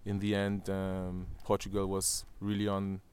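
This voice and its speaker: Interviewed outdoors on a terrace above a valley, this thirtysomething man from Germany talks in an unhurried monotone with a German accent. His voice is low and a little mellow, he stumbles through many fillers and restarts, and there's slight background noise.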